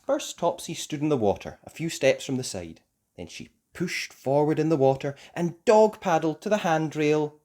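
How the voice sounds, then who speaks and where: Aimed at young children, this scripted storybook narration comes in a mid-range voice, delivered deliberately with an expressive, sing-song lilt.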